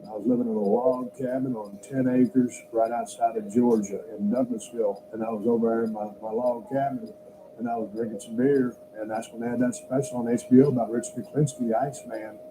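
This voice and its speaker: A man's voice: medium pitch, steady tone, a little fast. A man in a documentary interview telling the story of his own career in a blunt, salty, casual way. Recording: noisy background hiss.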